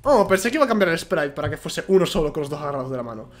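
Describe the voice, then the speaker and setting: A man from with a cold commentating a video game at a home microphone, half-shouting and rambling. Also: on the high side, big pitch swings, rapid-fire. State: has a cold. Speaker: gamer. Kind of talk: let's play commentary.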